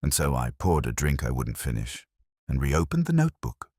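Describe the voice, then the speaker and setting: Inspector Morse, very deep brooding detective played by a man. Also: wildly swooping pitch, darkish tone, breathy edge, no echo, clean studio sound, full character voice. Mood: melancholy reflection. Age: middle-aged. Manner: measured, literary, brooding. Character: greying, sharp-witted, rumpled, melancholy English police inspector. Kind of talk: scripted first-person detective audio drama narration.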